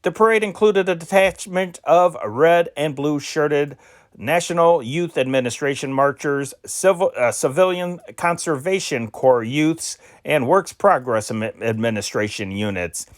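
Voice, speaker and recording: His voice leans high as he works through old newspaper dispatches, an amateur newsreader going slowly and carefully. Now and then he stumbles and corrects himself.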